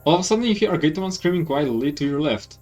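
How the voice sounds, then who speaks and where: A man's voice: on the high side, lively intonation, racing, a little mellow. A man from Poland with a Polish accent, reading game text aloud in a let's play, stumbling and correcting himself. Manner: reads with stumbles and self-corrections. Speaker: gaming YouTuber. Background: faint game music.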